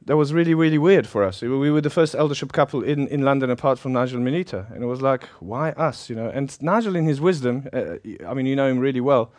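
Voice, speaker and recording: A man's voice: medium pitch, quick pace, few pauses, a little mellow, dry recording, clean studio sound. A middle-aged man from South Africa with a South African accent, Polish by birth, preaching informally with a chatty, self-deprecating manner and frequent laughter. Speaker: pastor.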